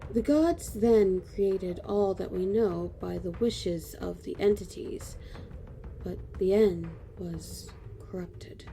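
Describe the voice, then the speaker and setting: Warm and medium-pitched, a woman's voice portrays a grave elven noblewoman recounting ancient history in a fantasy audio drama. Her delivery is measured and somber, and the recording carries clear background noise and ambience.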